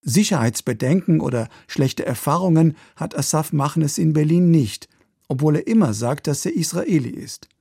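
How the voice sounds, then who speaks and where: A man narrating a scripted radio news report in a measured, even delivery. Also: a little high, creaky, breathy edge, no room sound, clean studio sound.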